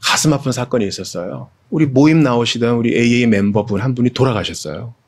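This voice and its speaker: Earnest male pastor preaching a sermon. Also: fast. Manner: earnest, conversational, speaks directly to the congregation; swings from hushed and low to raised, emphatic pleading.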